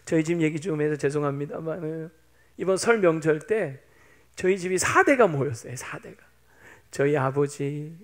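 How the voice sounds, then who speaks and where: Pastor in his fifties, man, high voice with gravel, playful and chatty sermon delivery. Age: 50s. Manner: chatty, playful, teasing the congregation.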